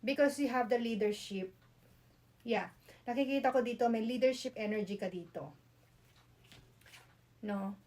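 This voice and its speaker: A woman's voice: on the high side, a little slow, pauses often, a little mellow. A woman with a Filipino accent doing a casual tarot reading, chatty, mixing Tagalog and English with frequent "no?" tag questions. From Philippines. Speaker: tarot reader.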